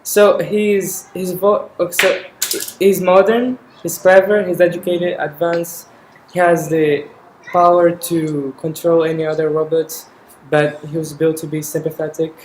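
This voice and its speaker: A woman's voice: on the low side, flat delivery, unhurried, darkish tone. A woman student explaining a character idea, hesitant and thinking aloud. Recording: echoey room with faint noise.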